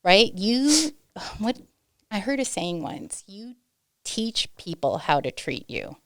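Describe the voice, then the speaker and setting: A woman's voice: mid-range voice, very animated, slow pace, a bit bright, dry recording, studio quality. A woman co-hosting a casual podcast chat, chatty and laughing often, with reflective asides. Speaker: co-host.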